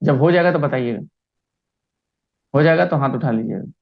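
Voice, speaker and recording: A man's voice: mid-range voice, normal speed, creaky, muffled recording. A man teaching a primary school class online, speaking patiently and often checking that the children understand. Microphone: video call.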